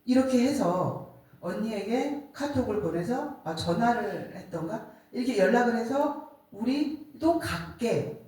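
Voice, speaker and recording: A middle-aged woman giving a church testimony, telling a family story in an animated way. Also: on the high side, measured pace. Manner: animated storytelling, acts out quoted voices. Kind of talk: sermon testimony. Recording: echoey room, distant mic.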